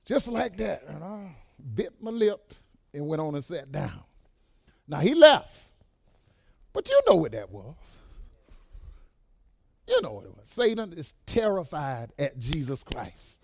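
A man preaching a sermon to a church congregation, swelling into loud exclamations and dropping quiet while telling stories, sprinkling in amens. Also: a little high, big pitch swings, unhurried, vocal fry, long pauses, dry recording, clean studio sound. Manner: punctuates lines with "amen" and "bless God". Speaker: pastor.

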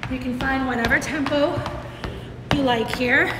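A high-voiced woman trainer leads a workout, calling out moves with upbeat energy, counting down and cheering. Her voice rings in a roomy space with a long reverb tail, with clear background noise underneath. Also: steady tone, measured pace. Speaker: fitness trainer. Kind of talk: leading a home workout.

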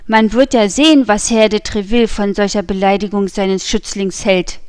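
A woman's voice: mid-range voice, steady tone, moderate pace, a little mellow, clear, resonant tone, dry recording, natural voice. A woman reading the part of a servile, gossipy male innkeeper who chatters eagerly to a nobleman, in a dry audiobook recording.

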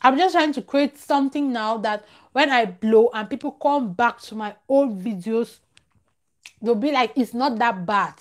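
Offering viewers advice in a casual live-stream chat, this young vlogger speaks emphatically, repeating phrases to drive points home. She talks a little slowly in a slightly high voice. A lavalier clipped to her collar records her in a small home room close to a plain wall.

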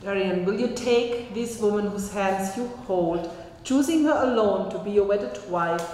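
A woman's voice: medium pitch, a little slow, warm tone. A woman officiating a wedding in a small chapel, speaking formally and leading the vows line by line. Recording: echoey chapel reverb, faint noise.

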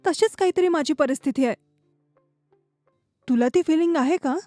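Girl acting as a playful young girlfriend, high voice, dry sound, music faint behind. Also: normal speed, mellow, no echo, close to an everyday voice. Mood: teasing. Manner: teasing and playful. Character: young woman, teasing girlfriend. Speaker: girlfriend in a short film. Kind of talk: short film acting.

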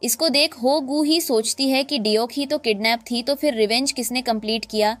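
A woman narrating a drama recap in a lively storytelling way, acting out the quoted lines. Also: a little high, normal speed, dry recording, faint music behind.

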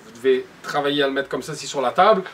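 In his workshop showroom, a man in his forties patiently walks the viewer through making a cushion, step by step, speaking straight to the camera mic. His mid-range voice moves at a quick pace with a fairly bright tone, and a little hiss or hum sits under the recording.

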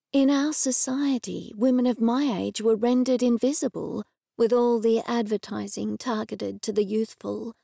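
A woman reads an audiobook in a gently expressive, scripted style. Her voice sits a little high for a woman, with a gravelly edge. The studio recording is close and dry. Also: no echo. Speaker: audiobook narrator.

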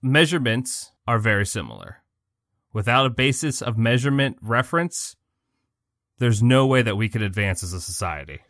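A man's voice: mid-range voice, animated, normal speed, fairly bright tone, no room sound, studio quality. A man co-hosting a podcast in a casual chat, laid-back and wry. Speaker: podcast co-host.

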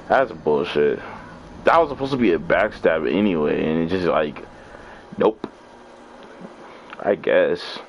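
A man's voice: deep voice, lo-fi sound, a little hiss or hum. A man commentating his live gameplay, trash-talking opponents in loose, profane slang. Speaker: game streamer.

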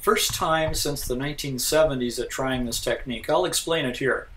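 An older man narrates a dive in an informal, explanatory way. He is matter-of-fact and a little halting. The recording is noisy and sounds away from the microphone. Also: medium pitch, fairly bright tone. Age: older, around 70s. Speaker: scuba diver and vlogger. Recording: distant, noisy outdoor camera audio.

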